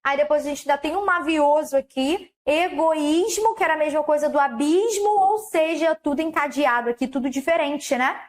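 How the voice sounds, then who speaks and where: Woman, high-pitched, explains a lesson step by step with questions to the viewer, collar mic. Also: normal speed, few pauses. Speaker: teacher. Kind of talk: online lesson on verse. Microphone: clip-on mic on her collar.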